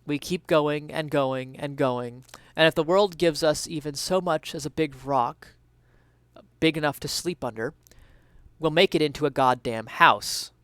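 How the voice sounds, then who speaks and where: Reading an essay aloud with theatrical, earnest deliberateness, this man has a clean, resonant, slightly high voice with a fairly bright, clear tone. The recording is close-miked and dry.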